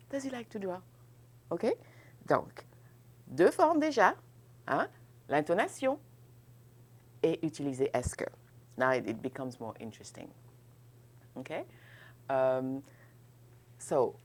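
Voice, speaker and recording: A woman with a low voice teaches French grammar at an unhurried pace. She explains in English and sings out the French example questions with exaggerated rising pitch. Her pitch swings widely, and she keeps checking in with her students. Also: a little mellow. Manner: checks in often with "ok?", laughs lightly. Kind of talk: bilingual classroom grammar lesson.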